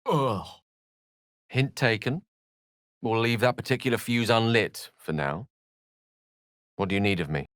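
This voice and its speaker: A male actor with a fairly low, fairly bright voice plays an eloquent, wry and romantic scholarly wizard in a fantasy video game. He speaks articulately and theatrically, unhurried and playful with frequent pauses, in a studio-quality recording without echo.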